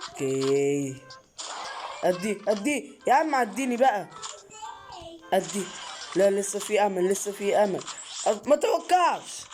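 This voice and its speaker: A man with an Egyptian Arabic accent giving excitable let's-play commentary, repeating short exclamations and breaking into sudden high yelps. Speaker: gaming channel host.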